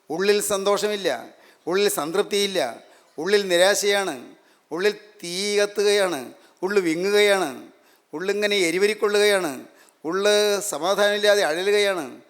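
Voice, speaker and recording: Man preaching in a big hall, high voice, keeps repeating lines and firing questions, long echo. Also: fairly bright tone. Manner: emphatic, repetitive, rhetorical questions. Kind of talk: sermon.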